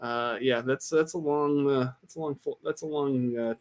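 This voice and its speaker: A man co-hosting a relaxed podcast who talks in a halting way. He trips over his words and repeats himself before getting to the point. His voice sits at an ordinary middle pitch. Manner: hesitant, many fillers and repeats. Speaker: podcast co-host. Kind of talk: casual chat.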